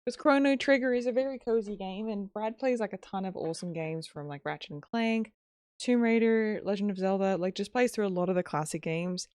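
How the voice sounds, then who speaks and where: A woman's voice: medium pitch, darkish tone, no room sound. A woman game streamer chatting casually with her viewers while playing, a little sleepy. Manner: chatty, talks to viewers, drawn-out greetings. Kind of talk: casual live-stream commentary while gaming.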